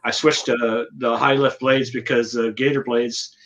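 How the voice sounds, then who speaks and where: A man's voice: medium pitch, level tone, normal speed, a bit bright. An American man explaining things casually as a lawn care worker in a live chat. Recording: dull lo-fi audio, faint noise.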